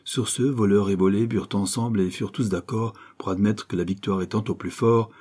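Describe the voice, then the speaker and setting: A man reading a novel aloud as an audiobook narrator, in steady storytelling. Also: on the low side, brisk, breathy edge. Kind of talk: scripted narration.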